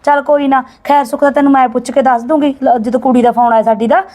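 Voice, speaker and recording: A woman's voice: high-pitched, steady tone, fast, darkish tone, lightly acted. A woman acting as an outspoken young village woman in a homemade family drama, talking in a blunt, scolding and insistent way.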